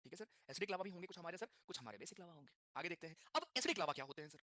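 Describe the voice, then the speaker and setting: A man teaching a class, talking in a quick mix of Hindi and English, repeating key terms and asking the students questions. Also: on the high side, lively intonation, bright, forceful tone, no echo, studio quality. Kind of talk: classroom lecture.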